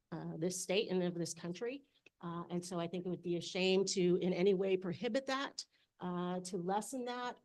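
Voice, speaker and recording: A woman from Texas giving formal public comment at a city council meeting, speaking in a measured way with frequent filler sounds. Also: on the low side, darkish tone. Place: council chamber.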